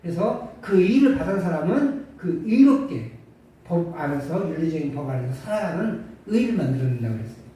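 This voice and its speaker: A man's voice: a little high, very animated, a little fast, warm tone. A male pastor preaching a conversational sermon full of rhetorical questions and dry humor, recorded in an echoey church hall from a distance. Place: church sanctuary. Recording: echoey church hall from far off, faint hiss.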